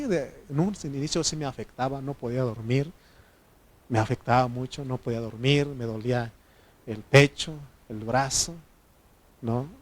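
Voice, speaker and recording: A man in his thirties with a Mexican accent, preaching a conversational sermon and often adding "amén". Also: mid-range voice. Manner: conversational, repeats phrases, frequent "amén".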